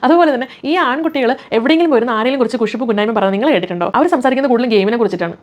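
A woman's voice: on the high side, very fast. A woman giving opinionated commentary on a reality show, emphatic and often putting questions to her viewers.

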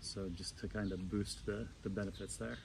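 A man in his forties with a fairly low voice talks casually to a camera while immersed in ice-cold water. He explains like a coach. The recording is outdoors, with light background noise and birdsong. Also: level tone, normal speed, gravelly. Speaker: breathwork and ice bath coach. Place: outdoor garden, in an ice tub. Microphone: camera a couple of metres away.

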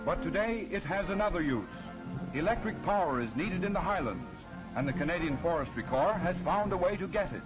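A man narrating an old 1940s wartime newsreel in a measured, formal, polished manner, with music playing loudly behind him. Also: sits high, lively intonation, low-quality recording. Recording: narration over loud background music.

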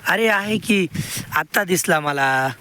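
A man's voice: high voice, animated, slow, smooth. A man, talking casually while filming his farm on a phone and calling out to his animals. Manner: chatty, calls out to animals. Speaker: farmer vlogger. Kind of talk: casual farm vlog narration. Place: outdoors on a farm field. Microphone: phone held while filming. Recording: loud outdoor background noise.

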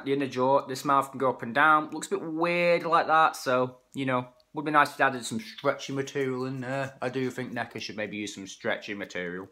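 A man's voice: mid-range voice, sharp tone. A man with a cold, rambling through a casual toy review, stumbling and correcting himself as he goes. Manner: rambling, self-correcting, stumbles over words. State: has a cold, sniffling.

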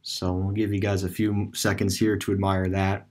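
Guy talking over a screen recording, lowish voice, lots of ums and restarts. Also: completely flat delivery, moderate pace, darkish tone. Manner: rambling, many fillers and restarts. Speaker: video creator touring a closed store on street view. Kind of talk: casual screen-recorded commentary.

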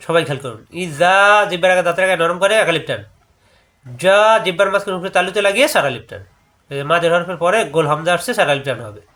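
This is a man with a high voice and a Bangladeshi Bengali accent, teaching the rules of Quran recitation. He explains each rule step by step and breaks off to chant the verses slowly. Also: fairly bright tone. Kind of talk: tajweed lesson with chanted recitation.

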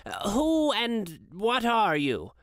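A man's voice: sits high, wildly swooping pitch, takes it slowly, a bit bright, no room sound, clean studio sound, voice pushed up, exaggerated voice. A man reading a storybook aloud and voicing Scrooge, an old miser, anxious and full of wonder. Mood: fearful.

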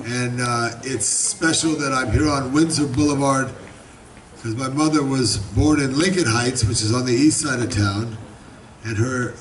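Speaking into a handheld mic on a stand, an older Los Angeles man with a raspy, mid-range voice gives a rambling, warm and effusive speech, repeating himself, as guest speaker at a nighttime garden party reception. The audio comes from a distant camera, with crowd chatter from the guests and a little hiss or hum.

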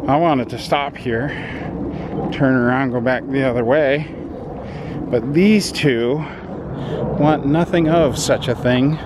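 A middle-aged man chatting casually to a handheld camera while walking his dogs outdoors on a desert trail. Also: mid-range voice. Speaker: vlogger. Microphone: handheld camera at arm's length. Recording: outdoor traffic noise. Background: outdoor ambience with distant traffic.

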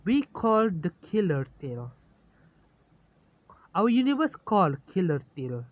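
A woman's voice: fairly low pitch, big pitch swings, takes it slowly, phone-quality sound. A man voicing a smug, teasing girl spirit in a fan story, talking in a casual, chatty way.

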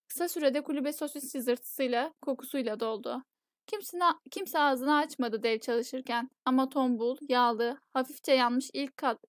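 High-voiced woman narrating an audiobook. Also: no echo, clean studio sound.

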